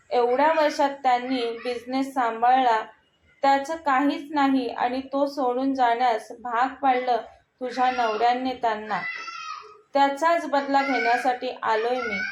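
A woman's voice: high voice, roomy sound, slight background noise, low-quality recording. A woman voicing a cruel, scheming young man who taunts and threatens. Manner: taunting, sneering.

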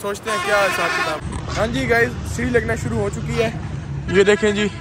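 A man's voice: high voice, fairly quick. A young man from Pakistan with a Punjabi-tinged Urdu accent, vlogging from a rooftop construction site and explaining the work to viewers. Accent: Punjabi-influenced Urdu. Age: young adult. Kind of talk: casual vlog walkthrough. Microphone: phone camera held at arm's length. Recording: noisy outdoor phone recording.

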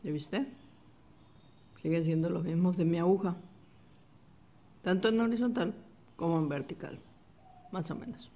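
Slow, calm woman teaching embroidery. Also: on the low side. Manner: calm step-by-step instruction, repeats the steps softly. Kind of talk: slow, patient craft tutorial.

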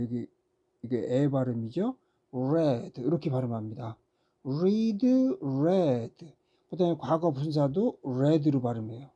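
Patient lecturer for a recorded grammar lesson: slow delivery, very warm dark voice, asks students rhetorical questions. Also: mid-range voice, lo-fi sound. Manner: frequent "ja" fillers between steps. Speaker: English teacher.

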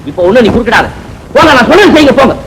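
A man's voice: high voice, wildly swooping pitch, a little fast, fairly bright tone, a little hiss or hum, heavily acted, low-quality recording. An actor playing a wealthy, unbending older father who gives curt, commanding orders. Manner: commanding, dismissive.

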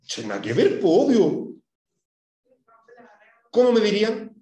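In an echoey room with a distant mic, a man with a Chilean Spanish accent teaches an English class. He asks questions and drills pronunciation in a warm, high-sitting voice, unhurried, with huge pitch swings.

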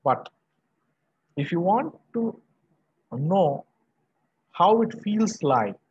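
A husky-voiced university professor from Varanasi in northern India lectures online students from a small indoor room. His male voice is high and sing-song, emphatic, in halting short phrases with repetition, and the video-call audio is muffled and dull.

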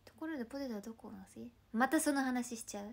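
A woman in her twenties from Ibaraki, Japan, hosting a casual livestream chat in a chatty, playful way, often dropping into soft murmured asides. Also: a little high, very fast, creaky. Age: 20s. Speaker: idol livestream host.

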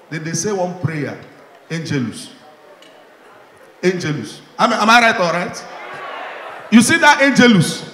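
A man with a Nigerian Igbo accent performs stand-up comedy, his fairly high voice ringing through a large hall with a long reverb tail. He is animated and slips into mocking voices for his characters. Audience sound fills the room behind him. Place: live stage with audience in a hall. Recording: echoey hall, audience noise. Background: audience laughter.

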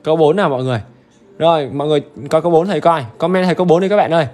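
With faint music behind him, a man with a highish, slightly mellow voice races through a livestream English exam-review lesson. His style is upbeat and chatty, marked by repetitive check-ins and constant urging for viewer comments.

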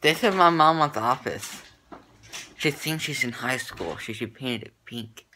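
Giddy teenage guy, wildly swinging pitch. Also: unhurried. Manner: giddy, loopy, excitable. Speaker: patient filmed after wisdom teeth surgery. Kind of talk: casual rambling chat. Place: inside a car, later rooms in a house. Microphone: phone at arm's length. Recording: noisy handheld phone recording.

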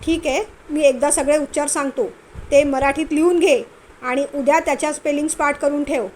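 A woman's voice: sits high, fairly even intonation, a little fast, darkish tone, a little hiss or hum, close to an everyday voice. A woman voicing a stern young husband who scolds and mocks his wife while tutoring her. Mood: scolding. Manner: scolding, impatient, mocking.

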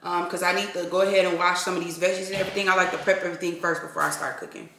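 A woman's voice: fairly low pitch, flat delivery, racing, a bit bright, a little hiss or hum. A middle-aged woman chatting casually to her viewers while she preps and cooks in her home kitchen, filmed by a camera across the room. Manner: chatty, addresses viewers as y'all. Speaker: cooking vlogger. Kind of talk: casual cooking demonstration. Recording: echoey kitchen with sizzling pans.

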